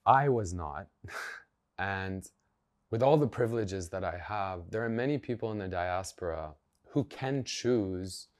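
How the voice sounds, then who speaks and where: Thinking aloud as he goes, a male journalist and activist talks earnestly and emphatically in a podcast interview. He uses a low voice with lively intonation at a measured pace.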